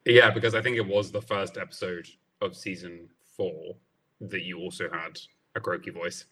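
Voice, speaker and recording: A man co-hosting a podcast, asking questions in a halting way as he searches for words. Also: sits low, level tone, sharp tone, slightly rough. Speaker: podcast co-host. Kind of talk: casual podcast chat.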